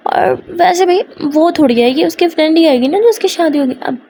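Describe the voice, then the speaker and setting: A woman's voice: very high-pitched, moderate pace, mellow, a little hiss or hum, pitched above the performer's own voice. A woman voicing an affectionate young woman who keeps coaxing and pleading with her jealous girlfriend in a storybook. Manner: pleading, exasperated, sweet-talking.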